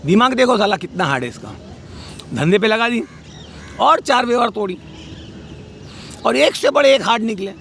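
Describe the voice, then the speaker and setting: A man's voice: high-pitched, animated, moderate pace, creaky, long pauses, a bit bright, slight background noise. A man delivering a heated, scolding rant about a family dispute, outdoors by a street. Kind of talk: angry spoken rant.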